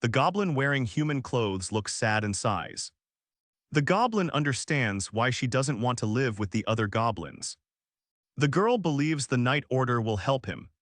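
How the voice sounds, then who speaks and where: A man's voice: mid-range voice, lively intonation, normal speed, dry recording, studio quality. A man narrating a comic recap in a scripted storytelling voice.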